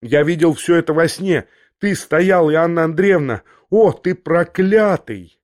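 A man's voice: a little high, unhurried, voice pushed up. A man doing a touchy, hot-headed young man. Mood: furious. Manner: excited, shouting outbursts.

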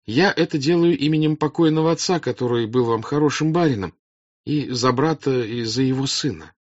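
A man's voice: a little fast, no room sound, lo-fi sound, lightly acted. A man voicing an anxious, pleading young noblewoman. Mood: urgent pleading. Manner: high, raised, urgent pleading. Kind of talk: audiobook character reading.

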